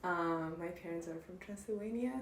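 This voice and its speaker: A woman's voice: fairly low pitch, normal speed. Giggly young woman, roomy bedroom. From Hungary. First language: Hungarian. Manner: giggly, hesitant with many ums. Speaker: podcast guest. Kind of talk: casual chat. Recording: roomy bedroom, faint background noise.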